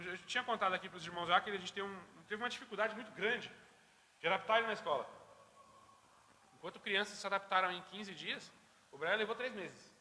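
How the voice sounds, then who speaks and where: A man teaching a church Sunday school class, telling a story in a lively way and acting out the voices. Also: high voice. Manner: lively storyteller who acts out dialogue. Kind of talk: anecdote told to a church class. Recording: reverberant church hall.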